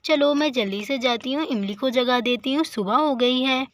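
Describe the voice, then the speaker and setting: A woman telling a village doll story in Hindi, chattering to herself in a lively, homely way. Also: high-pitched, normal speed. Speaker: storyteller voicing all the dolls. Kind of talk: Hindi doll story narration with character voices.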